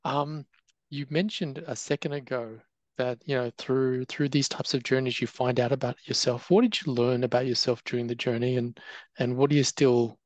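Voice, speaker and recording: A man's voice: mid-range voice, steady tone, normal speed, a little mellow, no echo, highs cut off. A man hosting an interview, asking casual follow-up questions. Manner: brief affirming, conversational questions. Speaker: interviewer host.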